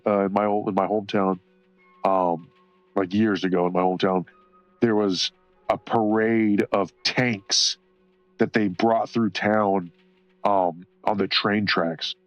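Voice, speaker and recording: Guy streaming, low voice, swears a lot, rambles, dry dull mic with faint music. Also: no echo. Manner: rambling, profane, laughs often, reads chat aloud. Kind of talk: casual livestream chat while coloring. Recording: slightly dull sound, faint music behind.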